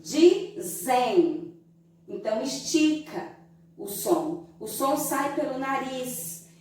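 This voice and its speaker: Woman, Brazilian Portuguese accent, primary school teacher, slow and didactic, drawn-out syllables, unhurried, distant from the mic. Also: high voice. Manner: slow and didactic, stretching syllables to show sounds. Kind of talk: recorded remote lesson for young children. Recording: very echoey room, voice from away from the mic.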